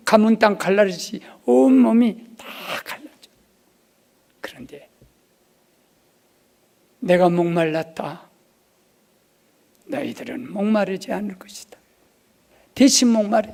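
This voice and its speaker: A man preaching a revival sermon in a church, dropping to hushed asides and rising to loud exclamations. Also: sits high, animated, slow pace, vocal fry, pauses often. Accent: Korean. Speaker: pastor. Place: church sanctuary.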